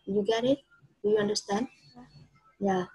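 Husky woman tutoring English. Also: medium pitch, measured pace, warm tone, low-quality recording. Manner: patient, mixes Vietnamese and English, laughs easily. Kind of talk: one-on-one online English lesson.

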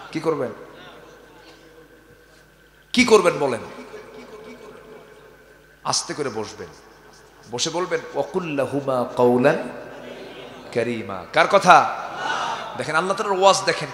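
A man preaching a waz sermon to a crowd. He keeps firing rhetorical questions at the audience and swings from hushed lines to shouts. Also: fairly high pitch. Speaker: Islamic preacher. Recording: echoey hall with long reverb.

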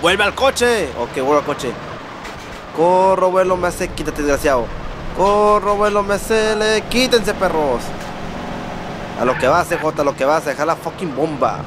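A man with a Mexican accent doing excited, swearing gameplay commentary as a gaming host. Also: high voice, moderate pace, background noise. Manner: excitable, swearing, mock-shouting at the game.

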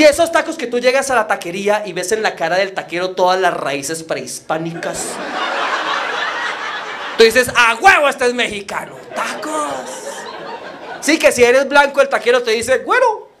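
High-voiced Colombian man doing stand-up. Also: measured pace, long pauses, noisy background. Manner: animated, acts out voices of others. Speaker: stand-up comedian. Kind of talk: live stand-up comedy. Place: comedy club with a live audience.

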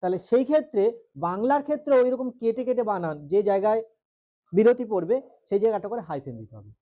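A male teacher with a West Bengal Bengali accent runs a grammar lesson, drilling and quizzing his students while drawing out syllables. His voice is high-pitched and expressive, and he talks fast. The audio sounds dull.

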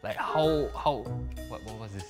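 A man's voice: on the low side, unhurried. A young man with a Singaporean accent hosting a casual comedic interview, bantering playfully in Singlish. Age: young adult. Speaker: comedic interviewer, show host. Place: indoor office studio set. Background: background music.

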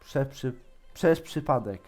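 A man's voice: medium pitch, animated, takes it slowly, darkish tone, soft background music. A man chatting casually while gaming, teasing and pranking another player as a YouTuber. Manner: teasing, joking, playfully mocking.

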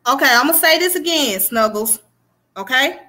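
On a close-up webcam in a small indoor room, a Southern US woman in her thirties gives viewers an emphatic, preachy, casual history talk, checking in over and over with "okay?" Her high-pitched voice is bright and forceful, with lively intonation and a normal pace.

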